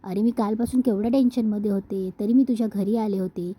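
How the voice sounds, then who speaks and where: A hot-tempered young woman, indignant and quick to scold, read out by a woman recapping a serial. The tone is mellow and even rather than shrill. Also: husky, close to an everyday voice.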